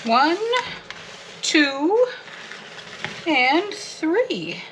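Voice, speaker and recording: A woman's voice: high-pitched, big pitch swings, extremely slow, background noise. Chatty woman in her home kitchen. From Canada. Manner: chatty, giggly, talks to viewers while working. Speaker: homestead vlogger. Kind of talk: casual cooking vlog.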